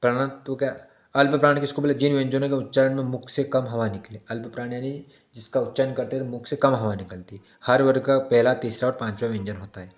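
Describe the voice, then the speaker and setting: A man's voice: mid-range voice, steady tone, fast talker, echoey room, muffled recording. A male teacher giving an exam-prep lesson who repeats each definition and keeps checking in with his listeners.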